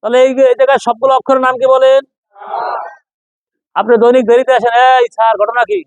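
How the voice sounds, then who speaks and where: Man, Quran reading teacher, classroom drill, repetitive call-and-response, very high-pitched voice. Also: level tone, clear, resonant tone, no echo. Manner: repetitive, calls out questions, drawn-out chanting of letter names.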